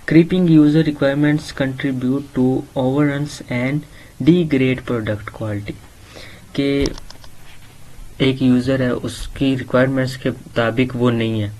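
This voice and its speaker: A man from Pakistan tutoring an online course, reading English slide lines slowly and then explaining them in casual talk. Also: mid-range voice, a little mellow, a little hiss or hum, rough recording.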